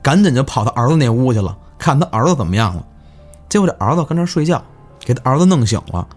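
A man telling village ghost stories in casual chat, animated and swearing in surprise. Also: fairly high pitch, breathy edge. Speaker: guest storyteller. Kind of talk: casual spooky storytelling.

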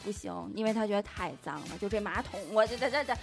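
A woman co-hosting a podcast in casual chat, colloquial, with quick reactions and laughing along. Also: mid-range voice, lively intonation, over music. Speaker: podcast co-host.

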